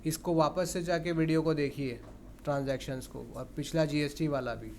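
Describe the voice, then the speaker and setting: A high-pitched man teaches an accounts class, coaxing his students and pausing often to ask them questions. A faint hiss sits behind his voice. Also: fairly even intonation, a little mellow. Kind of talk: classroom lecture.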